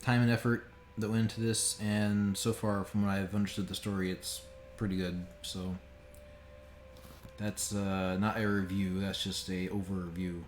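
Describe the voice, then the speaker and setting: Speaking at a moderate pace in a low, level voice, a game streamer keeps up casual, joking commentary with the occasional profanity. A roomy echo and faint background noise fill the recording.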